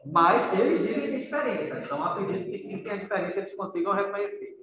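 In a very echoey room recorded from a distant mic, a high-voiced male teacher runs an interactive writing class about accents amid crowd noise. He talks fast with lively intonation, keeps things conversational, quizzes students, and frequently adds the tag "né."

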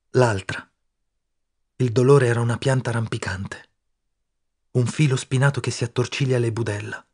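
A man narrates a novel in the first person with a measured, steady delivery. His voice is husky and sits at a middle pitch. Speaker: audiobook narrator.

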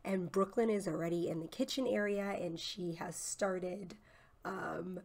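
In her living room, a thirtysomething mom and home vlogger from Southern California talks cheerfully through a casual cleaning and decorating video, with lots of "um"s. Still shaking off a cold, her voice sounds slightly off; it's on the low side, a little slow, and a little mellow.

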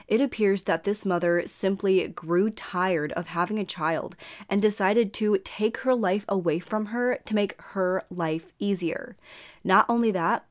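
A young woman in her twenties hosts a true crime show, reading her script to camera in a small room at home with earnest, measured storytelling. A dry throat leaves her lowish voice a little scratchy and stuffy.

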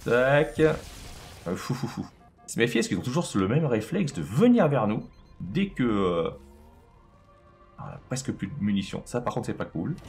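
A man's voice: on the low side, vocal fry. A man casually commenting on his own video game play, chatting to himself and to the enemies on screen.

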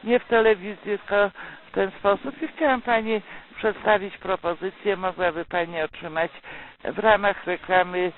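A woman working as a telemarketer, delivering a polite, persuasive, partly scripted sales pitch and checking often for agreement. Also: fairly even intonation, moderate pace. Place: recorded phone call. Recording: tinny phone line with loud noise.

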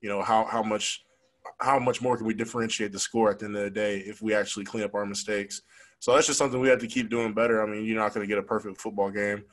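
With a lowish voice and little pitch movement, a young man who plays college football talks with reporters at a post-game press conference. He's frank and fast, chatting conversationally with many fillers into a stand-mounted desk microphone. The press room has a logo backdrop, and the audio is poor.

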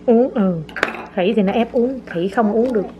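Woman, high voice, teasing home vlog, phone recording with clattering dishes behind. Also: moderate pace, lo-fi sound, noisy background. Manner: playful, teasing, full of exclamations. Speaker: mother filming her child.

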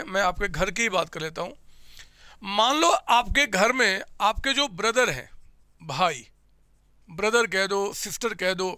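A man's voice: high-pitched, sharp tone, no room sound, studio quality. A man, teaching a commerce lecture through home examples, asking questions and answering them himself.

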